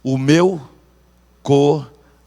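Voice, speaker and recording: A Brazilian pastor preaching a lively sermon in church, urging the congregation to repeat phrases aloud. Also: male voice, fairly high pitch, slow. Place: church sanctuary. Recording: church hall reverb.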